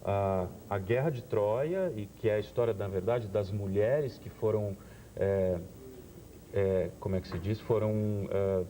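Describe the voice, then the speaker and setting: A man, a theater director on a TV talk show, explaining his work in a thoughtful, measured way. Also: on the low side, warm tone, slight background noise. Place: TV studio.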